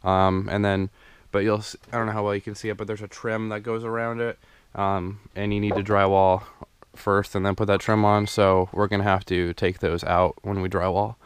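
Walking with a handheld camera, a young DIY vlogger casually describes his basement renovation in progress, stumbling over ums and restarting often. His fairly low voice stays level at a moderate pace with hardly any pauses. The sound is clear, resonant, and dry.

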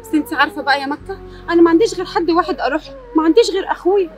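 A woman's voice: extremely high pitch, rapid-fire, a little mellow, soft background music. A woman with an Egyptian accent playing a distraught young mother thrown out by her husband, lamenting tearfully.

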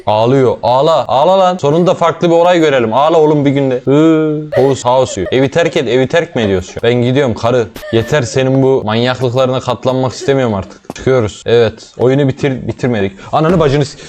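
A man's voice: mid-range voice, a little fast, hardly any pauses, a little mellow, a little hiss or hum. A young man casually commenting on a horror girlfriend game as he plays, joking, swearing and talking to his chat. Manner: jokey, swears a lot, talks to chat. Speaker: streamer playing a girlfriend simulator game. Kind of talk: casual let's-play commentary.

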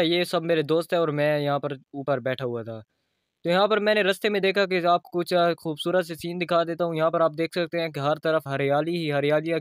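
A man's voice: on the high side, a bit bright, clear, resonant tone, no room sound, clean studio sound. A young man with a Pakistani Urdu accent, narrating his own vlog in a friendly, casual storytelling way. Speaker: vlogger.

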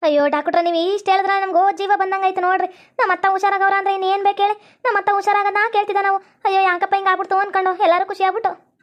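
A woman's voice: very high voice, little pitch movement, very fast, dull audio. A woman with a North Karnataka Kannada accent, voicing quarrelsome, scolding women in a cartoon story. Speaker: narrator voicing every female figure. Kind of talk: cartoon voice acting.

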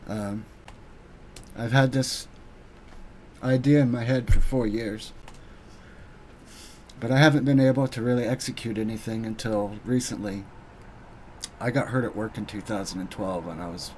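Earnest low-voiced man streaming. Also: steady tone, darkish tone, slight background noise. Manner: earnest, halting, many ums. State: getting emotional. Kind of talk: live stream thank-you speech.

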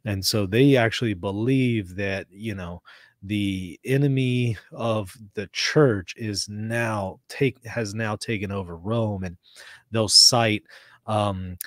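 A man in his thirties hosting a podcast interview at a studio boom mic, relaxed and agreeable. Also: no room sound. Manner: relaxed, agreeable, quick affirmations. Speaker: podcast host. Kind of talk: casual interview conversation. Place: studio with bookshelves. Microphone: studio podcast mic on boom arm.

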